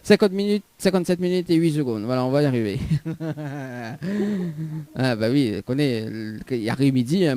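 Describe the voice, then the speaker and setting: A man's voice: mid-range voice, a little mellow, clean tone. A male radio host, running a live call-in game with lots of laughing and teasing. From Réunion. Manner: joking, laughs often, teasing.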